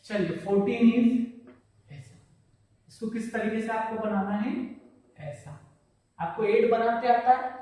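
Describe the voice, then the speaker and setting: A man teaching a math lesson to children, repeating each term, quizzing the class and stressing the pronunciation slowly. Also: high voice, fairly even intonation, dark tone. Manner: slow, stressed pronunciation of key words. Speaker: school teacher. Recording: very echoey classroom, distant mic.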